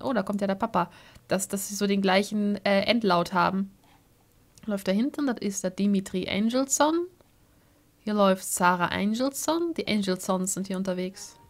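A woman hosting a let's play, chatting casually over the game with an amused tone. Her voice sits in a middle register, with quick asides and little pauses. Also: mid-range voice.

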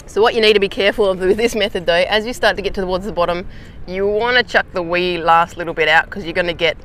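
An Australian woman vlogging outdoors in a casual how-to chat, slangy and relaxed with easy laughs. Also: lowish voice, fast, a little hiss or hum. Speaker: hiking vlogger.

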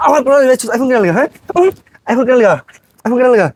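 A man playing a frantic village father, very high voice. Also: expressive, rapid-fire. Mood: furious. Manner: shouting, accusing, pleading. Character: distraught village father, home after long away. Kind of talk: amateur short film drama.

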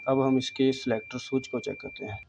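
A man, calmly explaining a step-by-step electronics repair at a workbench, recorded on a phone filming his hands. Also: medium pitch, brisk, creaky, noisy background. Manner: calm, explanatory, pointing things out. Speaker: repair technician.

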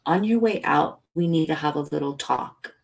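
A woman's voice: low voice, normal speed, gravelly. A woman reading aloud and voicing a curt, defensive young female office assistant.

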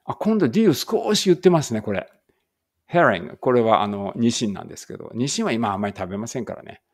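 A man teaching an English read-aloud lesson, reading Japanese lines and then slow, careful English, sometimes stopping to check pronunciation. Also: mid-range voice, very animated, no echo, clean studio sound.

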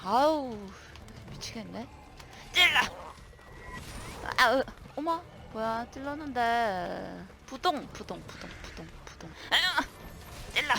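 A woman streamer commenting on her own gameplay, excitable, shouting commands and cursing at monsters. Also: on the high side, slow pace, gravelly, pauses often, background noise. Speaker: gaming streamer.

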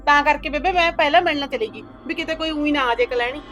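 Brief: woman as peacemaking young daughter-in-law, high voice, talks fast. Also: fairly bright tone, soft background music. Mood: coaxing. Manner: coaxing, soothing, persuasive. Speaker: daughter-in-law in a family drama. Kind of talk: village web-series acting.

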